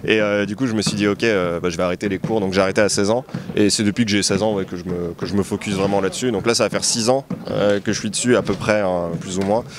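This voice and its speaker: A man's voice: on the low side, steady tone, fast, a crowd in the background. A man in his early twenties, from Portugal, talking casually and hesitantly as an interview guest on an outdoor basketball court. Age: 20s. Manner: hesitant, many filler sounds and restarts. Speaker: interview guest, manga artist.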